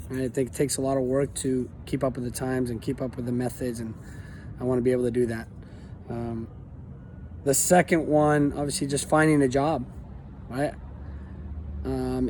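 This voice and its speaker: Earnest young man from Argentina, warm low-key delivery, hesitant, faint hiss behind. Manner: earnest, hesitant with many fillers. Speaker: aspiring teacher. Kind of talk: casual self-introduction.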